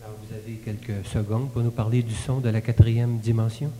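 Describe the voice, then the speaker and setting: A man's voice: lowish voice, little pitch movement, fairly quick, dark tone. A man speaking up spontaneously and politely in hesitant, broken phrases. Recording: echoey room, clear background noise.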